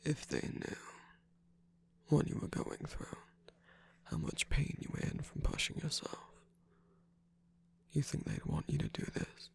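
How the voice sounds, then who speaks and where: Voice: mid-range voice, sing-song, unhurried, vocal fry, long pauses, breathy edge, heavily acted. A performer voicing a teasing, manipulative male cookie trickster in a whispered ASMR roleplay, with a mocking, prodding manner.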